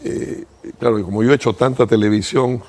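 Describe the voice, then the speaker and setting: A man's voice: mid-range voice, steady tone, brisk, darkish tone. A man, an interview guest thoughtfully reminiscing about his life at length. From Peru. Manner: thoughtful, reminiscing, speaks in first person at length. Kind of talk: reflective interview storytelling.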